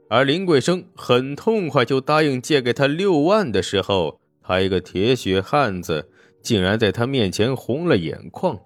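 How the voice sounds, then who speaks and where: A man reading a story aloud as narrator, in a dramatic, expressive way. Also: mid-range voice, no echo.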